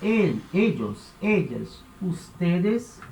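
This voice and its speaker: Man from Brazil, patient grammar teacher, voice a bit high, echoey room, faint background hiss. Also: very animated, drawn-out words, vocal fry, a little mellow. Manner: patient, repeats points, tags phrases with "né?" and "tá?". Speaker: Spanish teacher. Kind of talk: explanatory language lesson.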